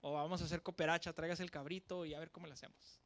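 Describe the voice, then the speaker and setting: A man from Mexico with a Mexican accent, preaching a sermon as pastor with lively shifts between loud and soft. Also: a little high, rapid-fire.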